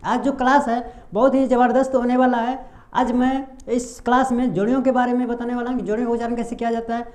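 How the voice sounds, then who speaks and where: A man's voice: extremely high pitch, little pitch movement, fast, a little mellow. A young man teaching English pronunciation in Hindi at a board, often asking a question and then answering it himself. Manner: asks questions and answers them himself, repeats key sounds.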